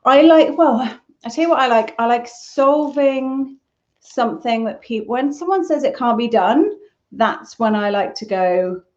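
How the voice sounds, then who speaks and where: A woman's voice: fairly high pitch, animated, measured pace, darkish tone. Chatty woman, lo-fi stream. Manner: chatty, rambling, self-deprecating. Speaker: crochet YouTuber hosting a live Q&A. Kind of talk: casual live stream chat. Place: at home, on a sofa.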